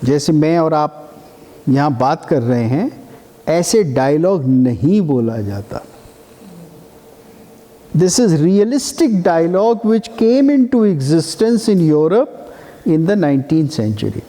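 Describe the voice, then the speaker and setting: A man's voice: a little high, big pitch swings, drawn-out words, long pauses, warm tone. A man giving a classroom lecture, explaining patiently and breaking now and then into chanted demonstrations. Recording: reverberant lecture hall.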